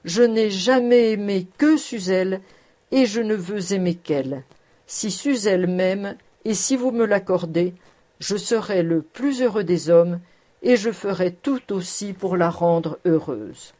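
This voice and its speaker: A woman's voice: medium pitch, measured pace, dark tone, lightly acted. A woman reading the lines of a lovestruck young male suitor, speaking with fervent, heartfelt eloquence.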